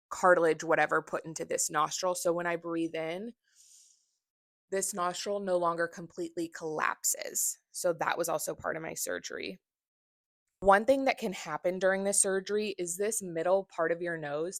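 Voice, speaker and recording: Woman vlogger, young adult. Lowish voice, frank and unfiltered delivery, casual, dry close sound. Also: no echo. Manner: candid and blunt, with swearing. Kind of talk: casual personal vlog.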